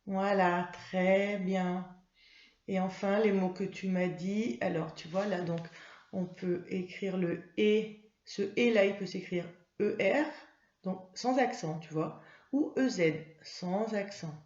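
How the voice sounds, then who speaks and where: A woman's voice: medium pitch, fairly even intonation, slow, darkish tone. A woman teacher giving a reading lesson for young first graders, in a patient, encouraging way. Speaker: primary school teacher. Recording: roomy, slightly dull home recording.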